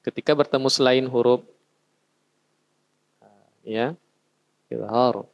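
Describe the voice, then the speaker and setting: Another recitation lesson in a mosque: here a man with a gravelly, medium-pitched voice speaks slowly in a steady tone, chanting brief verses to illustrate his patient explanations. The sound is lo-fi.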